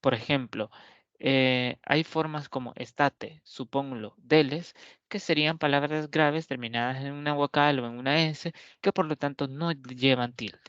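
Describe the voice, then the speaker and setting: Slow, deliberate male teacher. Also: mid-range voice, fairly bright tone, clear, resonant tone, no echo. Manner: slow, deliberate explaining with frequent pauses and checks on the listener. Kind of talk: recorded grammar lesson. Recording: dull, lo-fi dry recording.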